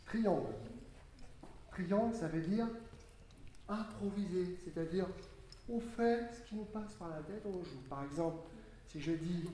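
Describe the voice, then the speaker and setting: A music teacher leading a group with hand signs, coaxing and animated, giving quick instructions. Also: mid-range voice. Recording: very echoey room with steady background noise.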